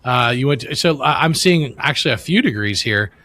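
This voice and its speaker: A man's voice: medium pitch, expressive, fairly quick, bright, forceful tone. A man, co-hosting a casual podcast interview in a chatty, friendly way with many restarts. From Louisiana, US. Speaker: podcast co-host.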